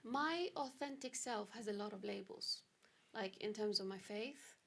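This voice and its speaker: A woman's voice: mid-range voice, unhurried, gravelly, fairly bright tone. A woman from Britain speaking as a panelist on an online discussion, earnest and direct about her own experience. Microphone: video call.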